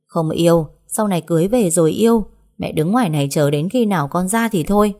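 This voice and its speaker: A wealthy, doting mother pressing her son to get up, as a woman storyteller puts her on. Her voice is low, dark and mellow. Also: a little fast, close to an everyday voice. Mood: urging. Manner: pleading, urgent.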